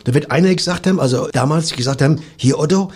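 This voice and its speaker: A man, co-hosting a comedy radio show and rambling through absurd deadpan tales. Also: a little high, rapid-fire, breathy edge. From Hesse. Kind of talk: improvised comedy banter.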